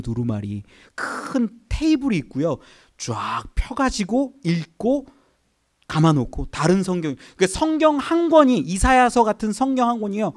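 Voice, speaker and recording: A male pastor preaching a sermon in a church. He keeps asking the congregation questions and swings between loud outbursts and hushed near-whispers. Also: high voice. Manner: animated, asks the congregation rhetorical questions. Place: church sanctuary.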